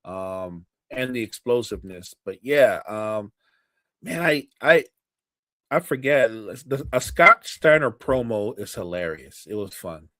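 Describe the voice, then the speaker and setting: A man co-hosting a podcast in casual chat, talking haltingly with many restarts and fillers. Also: lowish voice, animated, pushed and bright, no echo. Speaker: podcast co-host. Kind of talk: casual chat about wrestling.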